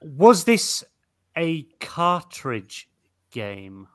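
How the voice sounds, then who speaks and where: A man's voice: on the high side, big pitch swings, very slow. A man co-hosting a podcast, thinking aloud with lots of fillers and restarts. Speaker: podcast co-host. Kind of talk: casual chat.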